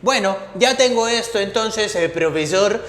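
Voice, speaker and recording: A man's voice: high-pitched, measured pace, fairly bright tone. A man voicing a curious young student who questions his teacher, eager and asking again and again. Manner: eager and questioning, keeps saying "profe". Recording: echoey room with long reverb.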